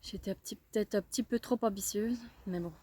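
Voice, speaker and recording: A woman's voice: medium pitch, quick pace, warm tone, husky. A woman with a Belgian French accent chatting casually about her garden and bulbs, with many fillers and restarts, recorded outdoors. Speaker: gardening vlogger. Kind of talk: casual chat.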